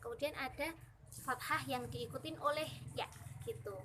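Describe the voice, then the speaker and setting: A young woman with an Indonesian accent explaining Quran recitation rules in a casual, chatty way, slowly chanting the example verses. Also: high voice, noisy background. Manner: chatty explaining, frequent "gitu" and fillers, slow drawn-out recitation of examples. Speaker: student teaching Quran recitation.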